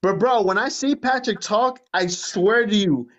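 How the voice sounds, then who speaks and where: A high-voiced man with a New Jersey accent rants casually on a livestream. He is emphatic and likes to repeat his points. The phone audio is slightly dull and lo-fi. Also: a little slow, fairly bright tone. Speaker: livestream host. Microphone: phone at arm's length.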